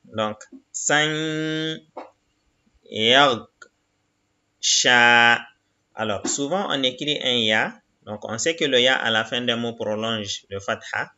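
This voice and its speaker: A man's voice: normal speed, muffled recording. A man teaching a reading lesson, patiently sounding out syllables one by one and explaining each rule step by step. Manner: calls out syllables louder and higher than his explanations.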